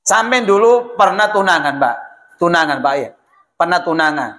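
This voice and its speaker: A man preaching a lively, chatty sermon in a mosque, often addressing listeners directly. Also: sits high, normal speed. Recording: echoey mosque hall.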